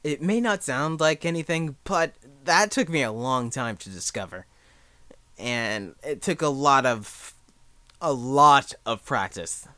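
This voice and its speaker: A young man, an amateur voice actor, offers beginner advice in a casual spoken tutorial, rambling, joking and poking fun at himself. His voice is mid-range and sharp-toned, with no echo.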